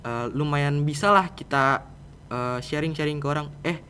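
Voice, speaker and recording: His voice sits a little high, pushed and bright, at a normal speed. The teenage student guest, leader of a podcast project, has a Jakarta Indonesian accent and responds to the interviewer in a relaxed, meandering, conversational manner. Room ambience and clear background noise are audible.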